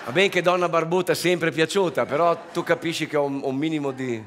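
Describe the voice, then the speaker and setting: A man's voice: fairly high pitch, fairly quick, fairly bright tone, a little hiss or hum. A man, a comedian guest, telling self-mocking stories in casual on-stage chat. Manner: laughing, self-mocking storytelling. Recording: large hall with audience. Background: audience crowd.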